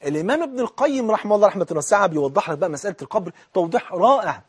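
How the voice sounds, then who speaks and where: A man with an Egyptian accent preaching a colloquial sermon, animated, swinging between hushed and loud as he acts out dialogue. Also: high voice, rapid-fire, breathy edge. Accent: Egyptian Arabic.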